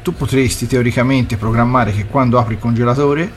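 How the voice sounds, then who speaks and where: A man's voice: mid-range voice, steady tone, fairly quick. An Italian man commenting casually on a live event among friends. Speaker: panelist. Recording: clear background noise and ambience.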